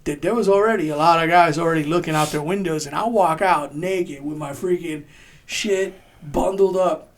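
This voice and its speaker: Profane, laughing veteran storyteller, gravelly. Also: male voice, fairly high pitch, normal speed. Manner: profane, laughing, acts out shouted quotes. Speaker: podcast co-host, army veteran. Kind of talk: casual storytelling chat.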